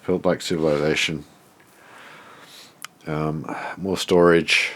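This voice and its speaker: Slowly and in a bass voice that's a bit bright, a stuffy-nosed Australian man shows off his self-built shed, improvising and thinking out loud. His pitch barely moves, his tone is nasal and congested, and there's slight background noise.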